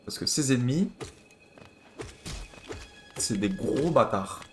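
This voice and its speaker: A man's voice: medium pitch, lively intonation, slow, faint music behind. A man from France with a French accent, giving casual let's-play commentary while swearing and chatting. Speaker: streamer.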